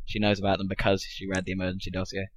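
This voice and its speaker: Very low-voiced British man, joking. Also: completely flat delivery. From Britain. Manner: opinionated and joking, quick to interject. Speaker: podcast co-host. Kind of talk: casual podcast chat.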